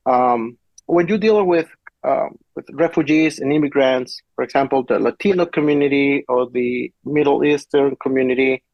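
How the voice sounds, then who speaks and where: A man in his forties presents over a video call and often stops to restart his sentences. His voice sits in an ordinary middle pitch. The audio is dry and muffled, like low-grade webinar sound. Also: no room sound. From Peru. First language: Spanish. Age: 40s. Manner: halting, many restarts and fillers. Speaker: city planner.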